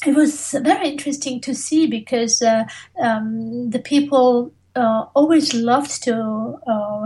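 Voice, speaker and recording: A woman's voice: fairly high pitch, a little mellow, rough recording. A woman speaking reflectively as an interview guest, hesitant and often searching for words. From Tibetan, living in Europe. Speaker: interview guest, mantra singer.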